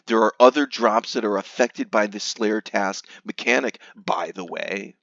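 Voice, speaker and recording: A man reads aloud in a hammy, theatrical stage-actor manner, mock-grave, with emphatic swells and hushed drops. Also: fairly low pitch, no room sound, highs cut off. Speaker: reader of a gamer's forum post. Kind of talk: theatrical dramatic reading.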